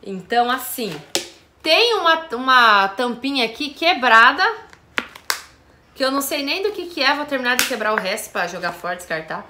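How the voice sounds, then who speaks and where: A woman's voice: sits high, big pitch swings, moderate pace, reverberant, noisy background. A woman vlogger chatting casually to her viewers while sorting her small basement kitchen, full of friendly asides. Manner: chatty, frequent "gente" and "né" asides. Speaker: home organizing vlogger. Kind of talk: casual chat to camera.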